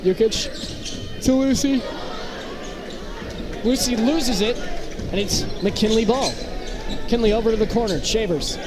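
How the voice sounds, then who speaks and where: Slow and high-pitched, this man calls basketball play-by-play live in short, clipped lines separated by long pauses. Basketballs bounce and a loud crowd roars through the very noisy gym.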